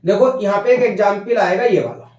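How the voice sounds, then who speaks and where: A high-pitched man explains a grammar point step by step, circling back over each idea and pausing to ask whether it is clear. He sounds a little distant from the mic, in a room with a noticeable echo. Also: a little mellow. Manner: repetitive, checks understanding with "ठीक है" and "भैया". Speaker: Hindi grammar teacher. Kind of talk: whiteboard grammar lesson.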